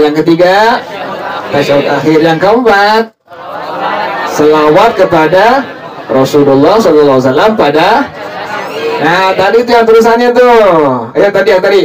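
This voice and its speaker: Male religious teacher, high-pitched and unhurried, repeats and quizzes his class. Recorded from a distance with a group clearly audible. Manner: drilling, repeats points and quizzes the listeners. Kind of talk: teaching prayer practice to a study group. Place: evening religious study gathering.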